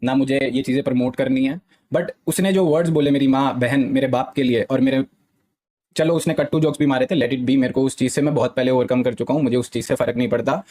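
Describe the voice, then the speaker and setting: A man's voice: medium pitch, fairly even intonation, fast talker, warm tone. A young man, a gaming streamer, explaining a dispute insistently to his live-stream chat. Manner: insistent, repeats "theek hai" often.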